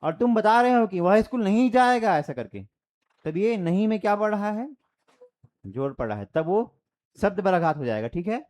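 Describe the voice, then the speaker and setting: A man's voice: sits high, sing-song, normal speed, a little mellow. A man teaching a grammar lesson for exam preparation, explaining by repeating examples and quizzing his students. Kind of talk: exam-prep grammar lecture.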